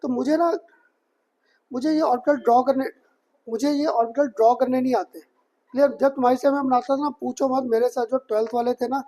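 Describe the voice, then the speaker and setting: A man's voice: very high-pitched, fairly even intonation, a little fast, mellow. A male chemistry teacher giving a chatty classroom lecture, mixing English terms into his speech and often checking whether students have understood. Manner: chatty, keeps asking students if it is clear; mixes English technical terms into Hindi.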